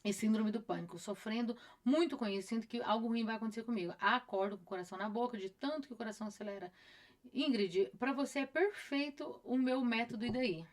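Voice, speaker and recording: A middle-aged woman therapist speaks at a quick pace in a fairly high voice, with a Brazilian Portuguese accent. During a casual live stream she repeats phrases and plays out her patients' voices.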